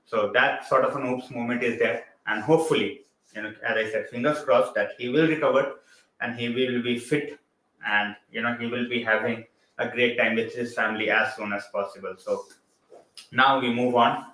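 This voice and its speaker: A man's voice: medium pitch, steady tone, normal speed, sharp tone, echoey room, low-quality recording. A man with an Indian English accent hosting a casual football live stream, chatting loosely, slipping into Hindi and greeting viewers by name.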